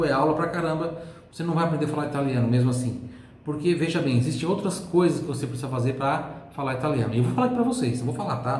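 Brazilian man teaching with slow drills. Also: a little high. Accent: Brazilian Portuguese. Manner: slow drilled repetitions, frequent "tá?" and "né?" checks. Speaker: Italian teacher. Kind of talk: online language lesson. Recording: echoey room, faint ambience.

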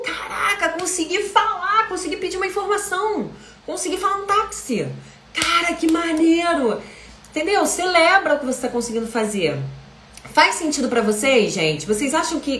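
A woman with a Brazilian Portuguese accent, a language coach talking to viewers in a chatty, animated live stream. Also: fairly high pitch, roomy sound, a little hiss or hum, low-quality recording.

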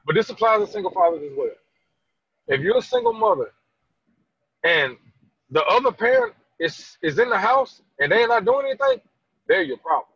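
A man with a high, lively voice speaks earnestly about fatherhood, his tone husky and slightly breathy. He stammers and restarts as he presses his points. The recording is dry and a little dull. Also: normal speed, long pauses, dry recording. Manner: earnest, emphatic, lots of restarts and stammered repeats. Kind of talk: candid conversational interview.

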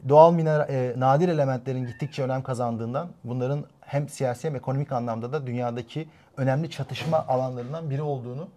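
A young man talks quickly and loosely as co-host of a live stream. His pitch sits in an ordinary middle range. He chats casually and reads poll results out to the viewers. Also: steady tone, dark tone.

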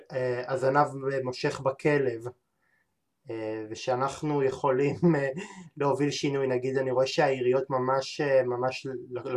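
Male podcast host, mid-pitched, hesitant and halting, constantly filling pauses and restarting. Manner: hesitant, many filler sounds and restarts. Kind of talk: interview conversation.

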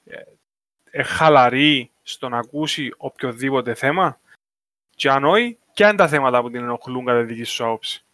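A man with a Cypriot Greek accent, co-hosting a podcast, animated in a casual discussion, giving examples and asking questions. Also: mid-range voice, no echo. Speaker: podcast co-host.

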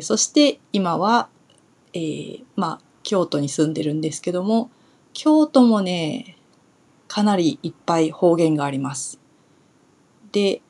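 A young woman from Kumamoto in Japan, talking through a relaxed solo Japanese lesson in a chatty way, pausing on soft fillers as she thinks aloud. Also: on the low side, breathy edge. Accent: standard Japanese. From Kumamoto, Kyushu, Japan. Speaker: Japanese teacher.

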